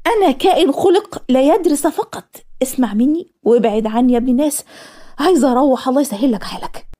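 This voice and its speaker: A woman's voice: high voice, lively intonation. A woman voicing a fiery young Egyptian student. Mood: dismissive. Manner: sharp, scolding, rapid-fire retorts. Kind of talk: cartoon voice acting.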